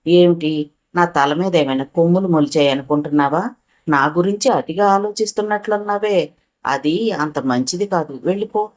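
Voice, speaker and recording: Wry, evasive young driver, read by a woman; dry teasing, low-set voice. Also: normal speed, darkish tone, close to an everyday voice.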